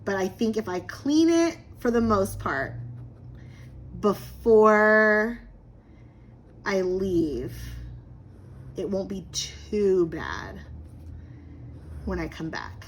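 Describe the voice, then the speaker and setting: Casual woman vlogger, 30s, mid-pitched, rambling and chatty, slightly throaty, faint noise behind. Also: sing-song, very slow, long pauses. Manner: chatty, rambling with many fillers. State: slight frog in her throat. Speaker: planner vlogger. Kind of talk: casual chat to camera. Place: home.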